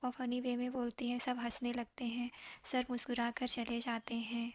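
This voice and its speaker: A woman's voice: fairly high pitch, monotone, moderate pace, dry recording. A woman casually narrating a love story, voicing the characters' lines and often slipping into an unvoiced whisper. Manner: chatty, asides to listener.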